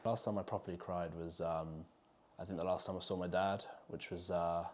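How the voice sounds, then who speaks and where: A man's voice: sits low, flat delivery, moderate pace, darkish tone, slight background noise. A man in his twenties speaking hesitantly in an interview. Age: 20s. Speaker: student volleyball player. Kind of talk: personal interview testimony.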